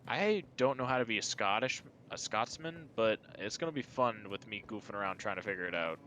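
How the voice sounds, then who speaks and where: A man chatting excitedly and casually while playing a co-op game. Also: lowish voice, brisk, a little hiss or hum. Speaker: streamer playing co-op. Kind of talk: casual gaming chat.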